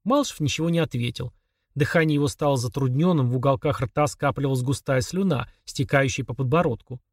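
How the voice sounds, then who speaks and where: A man reading a horror novel aloud as narrator, in a slow, dramatic manner with quiet pauses. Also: mid-range voice, no room sound, clean studio sound. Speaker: audiobook narrator.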